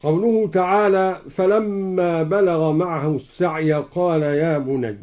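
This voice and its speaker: A man explaining variant readings of scripture in a formal, measured way, chanting each example. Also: on the high side. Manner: measured, formal classical delivery. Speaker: Quran recitation teacher. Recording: dull lo-fi broadcast recording.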